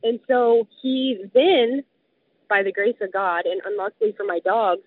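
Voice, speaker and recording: A woman with a medium-pitched voice and measured pace vividly retells a close call as a guest sharing a survival story. Her casual storytelling is peppered with "like", and the recording sounds dry and tinny, like a phone.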